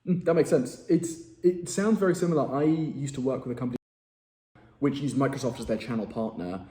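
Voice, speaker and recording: English man, cold sales calls, direct, chatty, warm tone, echoey room. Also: medium pitch, fairly quick. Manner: direct, chatty, self-deprecating. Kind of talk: live cold calls with asides to camera. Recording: roomy echo.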